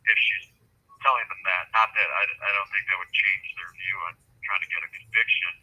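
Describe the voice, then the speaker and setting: A man's voice: sits low, steady tone, brisk, bright, forceful tone, a little hiss or hum. A man calling from jail over a prison phone line, talking casually and hesitantly with many fillers and restarts. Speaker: jail inmate on a call. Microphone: phone handset.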